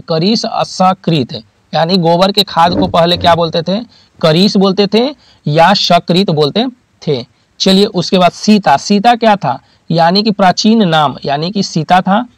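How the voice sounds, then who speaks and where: A man teaches in a high, clear voice, and the recording is close and dry. He keeps asking listeners questions and then answers them himself. He repeats each key term, and his examples come from daily life. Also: no echo. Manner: uses homely examples, repeats key terms. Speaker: exam-prep teacher. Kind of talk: classroom lecture.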